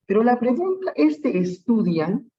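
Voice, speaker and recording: Big pitch swings mark this unhurried, medium-pitched voice on a muffled recording. A teacher with a Peruvian Spanish accent leads an online lesson, patiently running through many examples and checking in with frequent tag questions.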